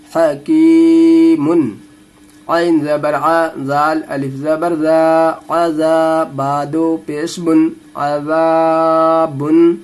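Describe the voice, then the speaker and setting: Slow-spelling male Quran reading teacher. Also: fairly high pitch. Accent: Indian Urdu-Hindi. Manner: spells syllables slowly, then explains rules quickly. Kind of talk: slow letter-by-letter recitation lesson.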